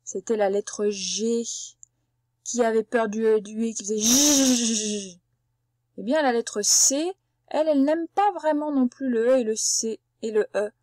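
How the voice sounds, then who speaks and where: A woman's voice: a little high, normal speed, mellow, no room sound. A woman teaching a reading lesson to young children, patiently sounding out words syllable by syllable and talking straight to the child. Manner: addresses the child directly as tu. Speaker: primary school teacher.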